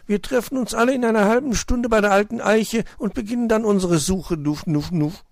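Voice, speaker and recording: A man's voice: gravelly, dry recording, studio quality. A man doing a snuffling motherly hedgehog lady. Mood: brisk. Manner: high, brisk, snuffling "nuff nuff". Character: motherly female hedgehog, brisk and helpful.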